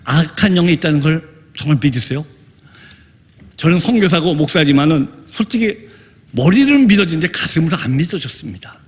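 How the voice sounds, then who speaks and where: A fervent man from Korea preaching as a missionary pastor, his high voice swooping through a wide, lively range. He tells testimony with emphatic force and climbs into shouts. The sermon rings out with a long reverb in a church hall. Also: fairly quick. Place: church sanctuary.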